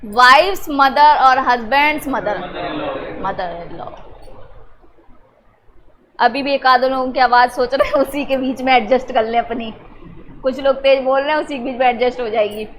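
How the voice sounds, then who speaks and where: A woman teacher drilling a class on family words, teasing and prodding students to answer loudly. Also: sits high, moderate pace, long pauses, a little hiss or hum. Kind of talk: classroom lesson.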